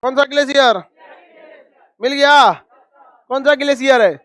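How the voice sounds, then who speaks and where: Male teacher, very high voice, dry sound; scolds the class and fires drill questions. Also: fairly bright tone, no echo, some chatter behind. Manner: scolding, calls students donkeys; rapid drilling questions, repeats answers. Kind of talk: classroom map lesson.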